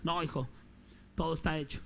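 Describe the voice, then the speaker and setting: A man voicing God the Father as a plain-spoken, fatherly figure who answers his son firmly and softly. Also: very high-pitched, steady tone, brisk, smooth. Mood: tender. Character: God the Father, firm, gentle old father.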